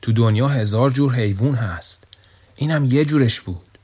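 A man voicing a kind, gentle male donkey in a children's story, giving patient, soothing advice. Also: mid-range voice, husky, close to an everyday voice.

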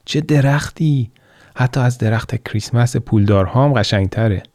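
A man's voice: fairly low pitch, steady tone, warm tone, no room sound, clean studio sound, lightly acted. A man voicing a poor, cold little girl who sells matches, in a raised, plaintive childlike voice.

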